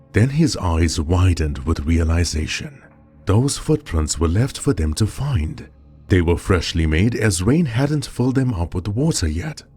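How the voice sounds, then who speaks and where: A man narrating a scripted horror story as storyteller, with dramatic, expressive delivery. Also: low-pitched.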